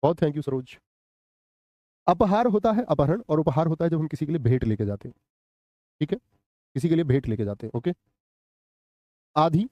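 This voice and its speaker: A man's voice: fairly high pitch, lively intonation, normal speed, pauses often, no echo, dull audio. A man teaching a live online Hindi grammar class, asking questions, answering them himself and replying to chat comments. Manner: quizzes students, answers his own questions.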